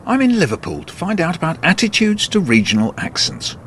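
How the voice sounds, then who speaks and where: A man's voice: sits high, very animated, fairly quick, fairly bright tone, slight background noise. An older man, working as a radio presenter, narrating and interviewing on location.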